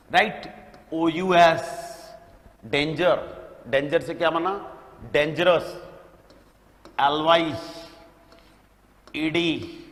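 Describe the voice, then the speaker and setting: A slightly high-voiced man teaching a grammar class, talking slowly and with lots of rise and fall. He keeps quizzing his students and then answering his own questions. A long echo hangs in the room around him. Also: a bit bright. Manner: addresses listeners as beta, checks with "right?"; spells words out letter by letter. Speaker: English teacher.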